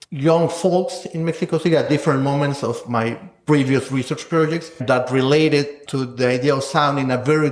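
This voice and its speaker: In an echoey room, a mid-pitched man, a sound scholar being interviewed as a guest, explains scholarly ideas. His style is thoughtful and conversational, and he often tags phrases with "no?" and "right?"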